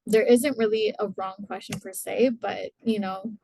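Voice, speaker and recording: A woman's voice: mid-range voice, steady tone, moderate pace, creaky, warm tone, rough recording. A woman giving informal advice as a panelist, feeling her way through phrases and checking for agreement. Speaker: employer panelist.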